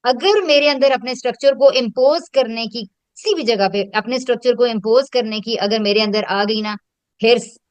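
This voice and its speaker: A woman who is an educator and host talks through her teaching in a casual, reflective, conversational way, mixing in English terms. Her voice is a little high, her pace moderate, and the recording dry.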